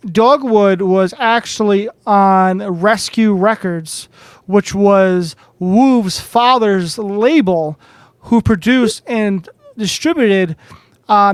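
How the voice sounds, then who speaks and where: Male podcast host, high, smooth voice, dry sound, eager fan. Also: slow pace, no room sound. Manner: eager fan, repeats words when starting. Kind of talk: casual interview.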